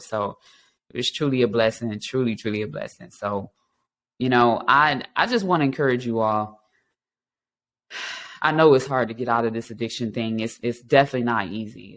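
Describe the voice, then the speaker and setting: An earnest man in his thirties tells his own story of recovery in a mid-pitched voice. He talks reflectively, stopping and restarting often with ums, and turns to encourage his listeners. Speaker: podcast host. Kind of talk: personal testimony and encouragement.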